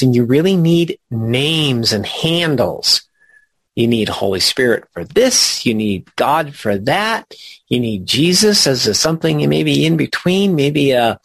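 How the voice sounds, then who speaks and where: Male study-group leader, slow and deliberate, husky gravelly voice, lively pitch, dry close sound. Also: no room sound. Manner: slow, reflective, emphatic teaching. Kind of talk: spiritual study discussion.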